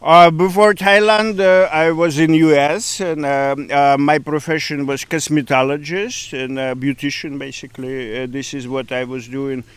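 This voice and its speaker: Middle-aged man from Ukraine, Ukrainian accent, resonant, dry close sound, halting speech full of "uh". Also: on the high side, steady tone, clean tone, dry recording. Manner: hesitant, many fillers, broken grammar. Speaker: interviewee, café owner. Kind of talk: casual interview.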